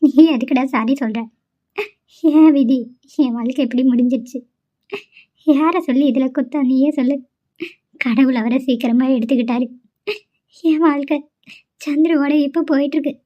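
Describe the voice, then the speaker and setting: A woman voicing a kind young widowed mother in an amateur cartoon, soft and affectionate. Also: sits high, moderate pace, long pauses, lightly acted. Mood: sorrowful. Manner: soft, affectionate with the child, tearful about her loss. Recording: lo-fi home recording.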